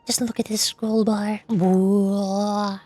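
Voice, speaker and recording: Her voice is medium in pitch, mellow, and slow, with little pitch movement, set against soft background music. She's a VTuber livestreaming a game, chatting cutesily, voicing dialogue, and tossing in little sound words.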